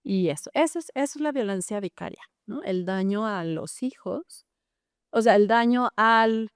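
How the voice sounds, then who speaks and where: A woman's voice: mid-range voice, animated, moderate pace, clear, resonant tone, dry recording, studio quality. Earnest middle-aged woman therapist. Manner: earnest, recounting personal story with many tag questions. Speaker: gestalt therapist, guest. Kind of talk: interview.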